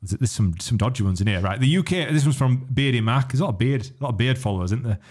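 Brisk man co-hosting a podcast. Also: mid-range voice, expressive, a little mellow, husky. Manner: brisk, chatty, laughs easily. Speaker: podcast co-host. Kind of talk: casual podcast chat. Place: podcast studio.

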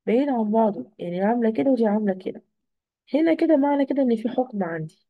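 A woman's voice: a little high, warm tone, no room sound. A woman teacher with an Egyptian accent gives an online exam review, asking questions and answering them herself. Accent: Egyptian Arabic. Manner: asks and answers her own questions.

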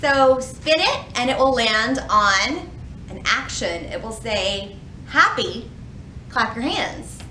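A woman in her thirties hosts a library storytime, speaking expressively and directly to young children. Her fairly high voice moves at a slow pace, with slight background noise and poor audio.

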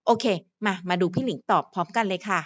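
A woman's voice: medium pitch, fast talker, a bit bright, muffled recording. A woman vlogger who relays and translates an interview in a chatty, rambling way with lots of asides. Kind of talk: casual chat.

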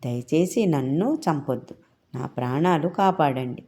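A woman voicing a small, frightened silver fish in a children's story, speaking softly and pleading. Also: deep voice, lively intonation, a little slow.

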